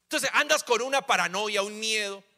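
A man's voice: high-pitched, lively intonation, unhurried, bright, forceful tone. A man in his forties preaching a sermon in a church, acting out little family dialogues with humor. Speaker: pastor. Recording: church hall reverb.

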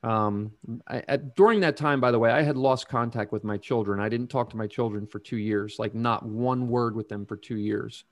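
Slow-talking reflective middle-aged man. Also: mid-range voice, steady tone, no room sound. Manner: slow, reflective, many ums and restarts. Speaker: guest sharing recovery story. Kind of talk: casual interview talk.

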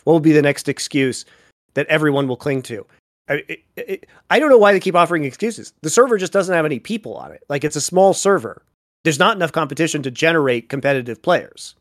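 A man in casual podcast chat who stammers and restarts as he gathers his thoughts. His voice sits at a middling pitch and comes across dry and close, with no room sound. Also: lively intonation, fast, no room sound.

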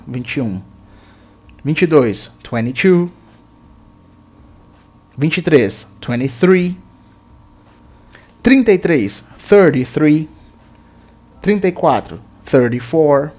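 A man with a fairly high voice gives an English lesson. He is patient and methodical, repeating each word slowly and clearly so learners can follow. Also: a little mellow. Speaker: English teacher. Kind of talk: language lesson.

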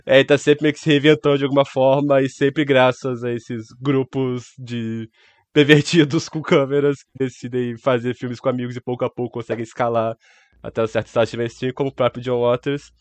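A man's voice: medium pitch, little pitch movement, brisk, dry recording. A Brazilian man co-hosting a casual, opinionated film podcast, his voice affected by flu and an inflamed, swollen throat. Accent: Brazilian Portuguese.

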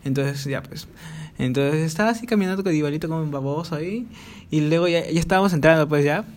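A man's voice: a little high, fast. A man rambling through childhood stories on his podcast, swearing freely, mocking himself and piling up fillers. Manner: crude swearing, chatty, self-mocking, many fillers. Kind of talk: rambling storytelling monologue. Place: home, recording alone.

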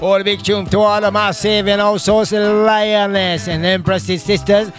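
A man's voice: high voice, level tone, a little slow. A man hosting a reggae radio show, linking songs with Rasta-flavoured greetings and blessings. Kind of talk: reggae radio DJ links over music. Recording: loud reggae music under the voice. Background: loud reggae music.

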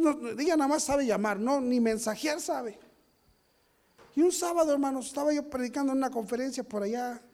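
A man preaching a sermon as a pastor, telling stories, acting out what people said and building to loud peaks. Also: extremely high pitch. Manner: storytelling, acts out quotes, rises to shouting peaks.

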